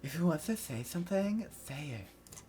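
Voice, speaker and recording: A woman's voice: deep voice, lively intonation, moderate pace, mellow, faint music behind. A woman voicing a small, sour-tempered teenage girl in a visual novel, speaking curtly and grumbling. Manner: curt, grumbling.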